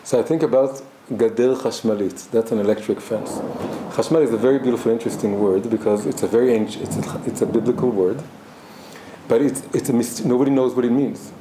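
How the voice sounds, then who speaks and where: A man whose first language is Hebrew leads a reflective spoken class, his very dark, mellow voice at medium pitch. He speaks haltingly, restarting often as he thinks aloud, in a noticeably echoey room with a faint background hum.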